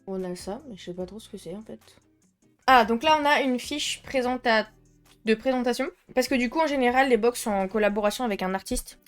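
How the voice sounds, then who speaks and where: A woman's voice: a little high, brisk, faint music behind. A French-speaking woman chatting casually through an art-supply unboxing, hesitant with many fillers and frequent giggles. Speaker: art vlogger.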